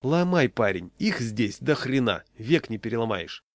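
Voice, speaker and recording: A rough, easygoing working man speaks bluntly, brushing off every objection, as a man reading a comic story puts him on. His voice is raised and offhand. The recording is dry and close. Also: mid-range voice, very animated, moderate pace, dry recording, close to an everyday voice.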